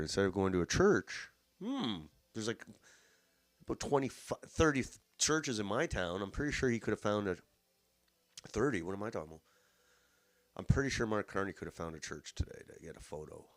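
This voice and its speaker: A man's voice: on the low side, no echo. A man hosting casual political commentary, mocking and swearing as he reacts to clips and mimics politicians in a sing-song voice. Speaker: host.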